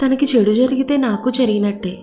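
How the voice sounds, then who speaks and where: A woman's voice: on the high side, brisk, mellow, echoey room, faint music behind, natural voice. A woman storyteller voicing an eager, earnest young man pleading to marry.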